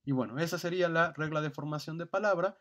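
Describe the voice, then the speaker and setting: A man's voice: a little high, fast, a bit bright. A middle-aged man giving a recorded grammar lecture, methodically listing examples with fillers and self-corrections.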